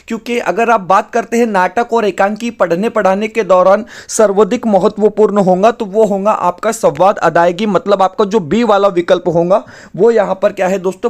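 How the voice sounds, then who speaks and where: A man teaching an exam prep lesson, going through questions option by option and often calling his listeners "friends", with English words mixed in. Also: high voice.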